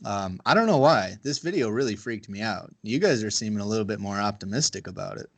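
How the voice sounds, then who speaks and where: A man's voice: lowish voice, animated, quick pace. A man hosting a podcast over a video call, chatting casually, rambling and swearing. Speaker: podcast host. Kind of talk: casual chat.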